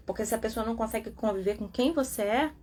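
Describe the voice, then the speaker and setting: A woman's voice: on the high side, fast talker, a little hiss or hum. A Brazilian woman hosting a live talk on codependency, asking herself rhetorical questions and acting out the voices of others. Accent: Brazilian Portuguese. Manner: animated, rhetorical, acts out quoted voices. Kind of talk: casual live talk about a self-help book.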